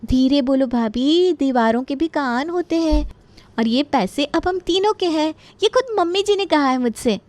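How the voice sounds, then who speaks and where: A woman's voice: high voice, expressive, normal speed, a little mellow, no room sound, pitched above the performer's own voice. A woman voicing a clever, cheeky young daughter-in-law with a sly, teasing manner.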